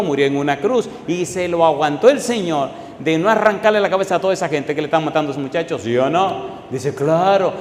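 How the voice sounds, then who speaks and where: A man's voice: fairly high pitch, darkish tone. A male pastor preaching a sermon, emphatic, repeating questions back to the congregation. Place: church hall. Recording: echoey hall, faint room noise.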